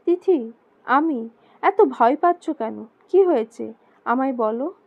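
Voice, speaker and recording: A woman voicing a caring young man who speaks soothingly and asks gently insistent questions, in a storybook reading. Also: high-pitched, animated, takes it slowly, creaky, heavily acted. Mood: reassuring. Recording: slightly dull lo-fi recording.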